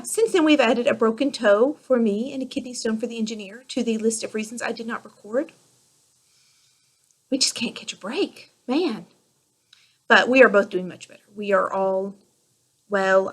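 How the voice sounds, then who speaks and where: Woman, 30s, podcast host; enthusiastic, rambling chat, slightly high voice. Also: moderate pace. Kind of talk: casual solo podcast chat.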